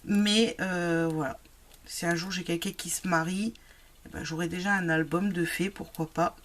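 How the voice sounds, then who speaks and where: A woman's voice: fairly low pitch, fairly even intonation, normal speed. A woman casually presenting craft supplies she bought, hesitant and full of fillers, apologizing now and then. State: married adult. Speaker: craft vlogger. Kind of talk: casual product haul chat.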